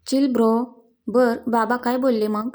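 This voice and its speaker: A woman's voice: a little high, little pitch movement, a little slow, darkish tone, natural voice. A woman voicing a playful young man who jokes his way out of trouble and stammers when caught lying. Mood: teasing. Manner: teasing, nervous, joking. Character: young man, playful, sly, fumbling liar.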